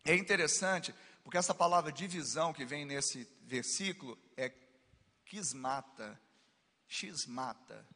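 Brief: middle-aged Brazilian pastor, slightly high and husky, playful, echoing in a long-reverb hall. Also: male voice, normal speed, hardly any pauses. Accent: Brazilian Portuguese. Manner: lively preaching with playful asides and rising exclamations. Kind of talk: sermon.

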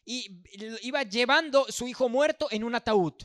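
A man's voice: very high-pitched, normal speed, clean studio sound. A man, interpreting a sermon line by line and matching the preacher's emphasis. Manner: echoes the preacher's emphasis, lively delivery.

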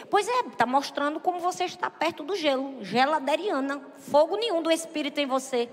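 A woman preaching a lively sermon, often asking her listeners to agree and acting out what people say. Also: high-pitched, long reverb tail. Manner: lively, asks the audience "é verdade ou não é?"; acts out quoted people in a raised voice.

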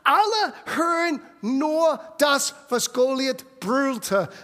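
A man preaching a sermon as lively storytelling, dropping English phrases into his German and bursting into loud exclamations. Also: very high voice, extremely slow. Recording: long echoey hall reverb.

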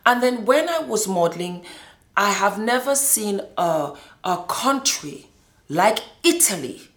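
In a medium-pitched, sing-song, slightly bright voice, a middle-aged former model from Nigeria and Scotland gives a personal testimony about her life at a measured pace. She repeats words for emphasis against echoing indoor acoustics.

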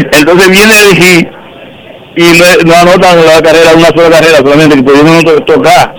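A man calls into a sports radio show, his voice slightly high. He rambles through the game in a loose, chatty way. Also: fairly even intonation, normal speed, a bit bright, rough recording. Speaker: caller. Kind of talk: call-in talk about baseball.

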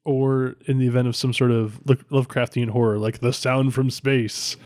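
A man's voice: mid-range voice, flat delivery, normal speed, a little mellow, no room sound. A man hosting and narrating a tabletop game podcast as game master, in a casual conversational style.

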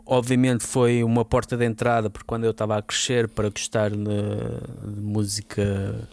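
A man with a European Portuguese accent, co-hosting a podcast and explaining his views in a measured, casual way. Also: on the low side, flat delivery, creaky, darkish tone, dry recording. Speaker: podcast co-host. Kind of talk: casual chat.

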